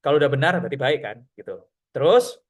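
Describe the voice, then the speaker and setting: A man's voice: fairly high pitch, very animated, fast. Chatty man coaching voice exercises. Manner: chatty, filler-heavy, demonstrates breathing and sounds; says he has a radio announcer's voice. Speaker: public speaking coach. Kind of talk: casual online workshop lesson.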